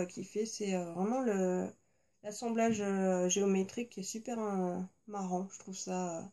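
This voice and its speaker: A woman's voice: medium pitch, mellow. A woman beauty vlogger chatting frankly about her makeup purchases, with many fillers. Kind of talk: casual chat.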